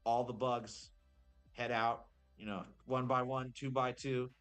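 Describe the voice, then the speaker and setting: A man's voice: medium pitch, flat delivery, a little slow, fairly bright tone, clean tone, soft background music. A man acting as game master, narrating a tabletop game in a rambling, improvised way, full of fillers and self-corrections.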